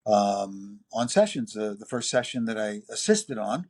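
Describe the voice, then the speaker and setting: A man in his sixties with a New York accent, telling long anecdotes as an interview guest, full of fillers and lively quoted voices. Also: on the low side, measured pace. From New York City. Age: 60s. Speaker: music producer and engineer guest. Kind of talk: casual interview storytelling.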